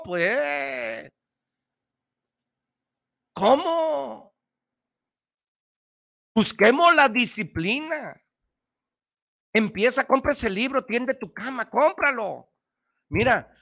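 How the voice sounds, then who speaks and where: Man, Mexican accent, high pitch, bright forceful tone, motivational pep talk, middle-aged. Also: creaky. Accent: Mexican Spanish. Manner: emphatic, repetitive, slangy. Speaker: motivational radio host.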